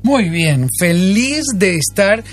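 A middle-aged man speaks warmly and emphatically in a slightly high, husky voice. Faint music sits underneath. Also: sing-song, slow pace. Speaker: ministry director and host. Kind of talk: podcast talk.

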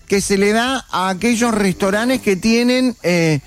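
A man's voice: high-pitched, a little slow. A man with a Rioplatense accent hosting a radio interview, asking questions with enthusiasm. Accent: Rioplatense Spanish. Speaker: radio host.

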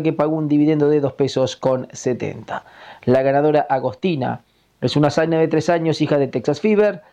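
A man's voice: fairly high pitch, mellow, lo-fi sound. Formal Uruguayan man reading race results. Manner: measured, formal delivery. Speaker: horse racing correspondent. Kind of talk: formal racing results report.

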